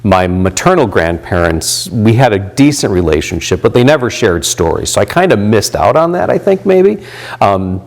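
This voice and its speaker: A man's voice: fairly low pitch, sing-song, normal speed. A man in his fifties, a volunteer pastor, talking reflectively in an interview with many fillers and restarts. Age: 50s.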